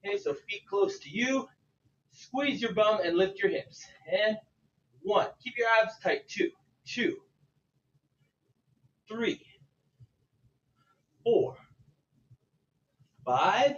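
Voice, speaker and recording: A man's voice: high-pitched, lively intonation, slow pace, long pauses. A man coaching a live online workout like an aerobics instructor, counting out reps and calling cues with encouragement while exercising along. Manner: switches between English and French. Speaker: fitness coach leading a bodyweight warm-up class. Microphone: away from the mouth, at a distance. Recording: distant, dull microphone.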